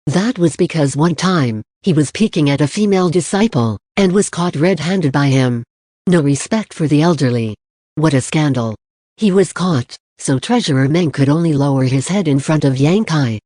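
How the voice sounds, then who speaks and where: A narrator reading a fantasy novel aloud in a steady, plain storytelling manner. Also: mid-range voice, moderate pace, no room sound, studio quality. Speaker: audiobook narrator. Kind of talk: audiobook narration.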